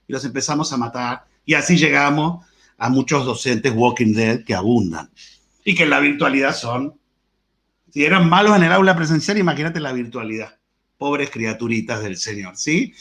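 A man giving an animated, playful online lecture to teachers over a video call from a lit room at home. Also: a little high. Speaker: guest lecturer. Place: home room with green wall and lights.

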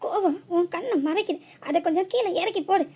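A woman's voice: very high voice, fairly quick, darkish tone. A woman voicing a stern old mother-in-law in a village cartoon comedy, scolding with a southern Tamil Nadu accent. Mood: lecturing. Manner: scolding, lecturing.

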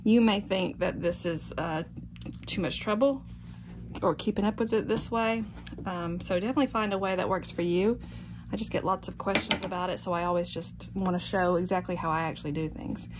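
A woman's voice: lowish voice, a little fast. A middle-aged woman giving an informal step-by-step craft tutorial, thinking aloud as she works. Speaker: quilting instructor. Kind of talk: casual step-by-step tutorial narration. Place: indoor home sewing room. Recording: clearly noisy home sewing-room recording.

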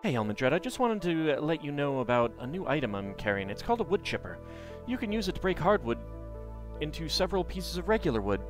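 Man putting on a friendly villager, lifted and lively. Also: a little high, fast talker, soft background music. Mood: friendly, helpful. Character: friendly, helpful small-town villagers writing letters. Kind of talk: reading game letters in light character voices.

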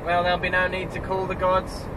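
A man's voice: high voice, completely flat delivery, a little fast. A young British man driving a truck, chatting casually and cheerfully to his viewers. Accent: British English. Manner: chatty, upbeat commentary to viewers. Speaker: truck driver vlogger. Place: truck cab on the road. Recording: road and engine noise behind.

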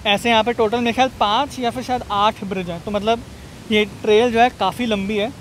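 Walking a forest canyon trail outdoors, a man films himself on a handheld phone at arm's length for a casual travel vlog, chatting and explaining as he goes. His high voice is brisk and fairly bright with fairly even intonation, over slight background noise and poor audio.

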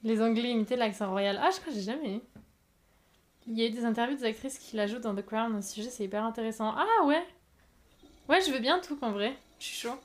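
A woman's voice: a little high, a little fast. Giggly young French woman streaming. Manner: lively, giggly, reacts to chat. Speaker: streamer chatting with viewers. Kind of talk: casual live-stream chat.

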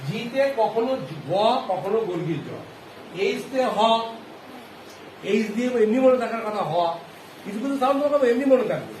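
A male primary school teacher giving a phonics lesson to a class, often asking questions and repeating answers slowly. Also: sits high, expressive, darkish tone. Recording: echoey classroom with background noise.

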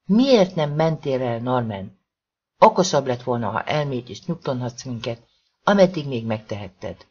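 A man voicing a desperate, furious woman who shouts at her abusive husband, in a storybook reading. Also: medium pitch, lively intonation, slightly rough, dull audio.

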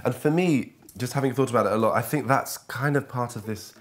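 A man giving a one-on-one music masterclass, animated and searching for words as he coaches, often restarting his phrases. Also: medium pitch, brisk.

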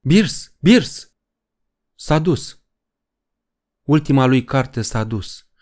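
A man voicing the writer Poe as a fierce, shouting figure in a horror audiobook. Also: mid-range voice, pitched above the performer's own voice, lightly acted. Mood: grieving. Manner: raised, shouting. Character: old male witch-hunted writer Poe, fierce.

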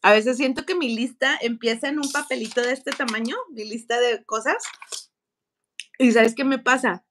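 Young Mexican woman, vlog host. High-pitched, chatty and slangy. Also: fairly even intonation, moderate pace, slight background noise. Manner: chatty, slangy, laughing as she tells stories. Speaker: scrapbook channel co-host. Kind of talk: casual storytelling vlog.

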